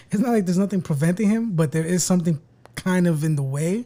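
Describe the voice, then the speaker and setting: A man hosting a casual podcast chat, joking and swearing, speaking softly into a close mic. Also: high voice, fairly quick. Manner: joking, profane, talks quietly and projects for the mic. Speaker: podcast host.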